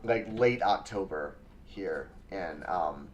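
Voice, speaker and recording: A man narrating as game master in a tabletop game, relaxed and full of fillers. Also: low-pitched, slow, highs cut off, slight background noise.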